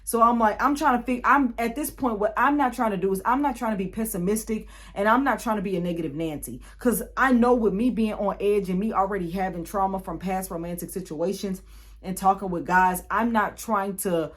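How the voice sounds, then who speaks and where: A young woman, telling a storytime vlog in a chatty, animated way, often repeating and restarting. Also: medium pitch, brisk. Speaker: YouTuber.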